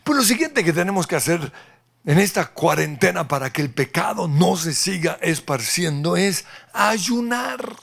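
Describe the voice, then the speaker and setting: Slow gravelly preacher, dropping to whispers. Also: male voice, sits high, very animated, fairly bright tone. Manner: slow, emphatic preaching with dramatic drops to a whisper. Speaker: pastor. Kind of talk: sermon. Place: church.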